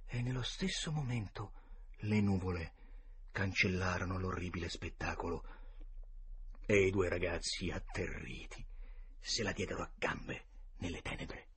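A man narrating a classic adventure novel aloud in a dramatic, expressive reading. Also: lowish voice, husky. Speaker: reader. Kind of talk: storybook narration.

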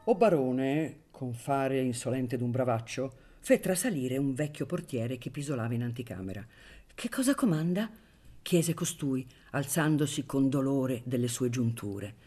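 A woman reading a classic novel aloud for radio, in a measured, expressive way. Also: a bass voice. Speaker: reader of a novel. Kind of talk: literary audiobook reading on radio.

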